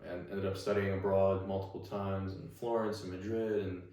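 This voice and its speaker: A young man from Staten Island, New York, whose first language is Russian, is a guest in a casual interview chat. His low voice comes at a moderate pace through an echoey, distant mic, and he rambles in a relaxed way with many fillers and restarts.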